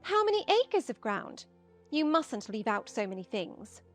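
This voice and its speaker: A woman's voice: fairly high pitch, big pitch swings, measured pace. A woman playing a foolish, good-tempered, fluttery queen, earnest and childishly proud, in an audiobook drama. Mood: quizzing. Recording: music behind the voice.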